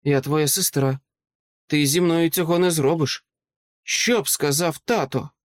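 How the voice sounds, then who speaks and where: A man's voice: a little high, steady tone, measured pace, voice pushed up, lightly acted. A man voicing a frightened young woman pleading with her brother, in an audiobook. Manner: pleading, urgent.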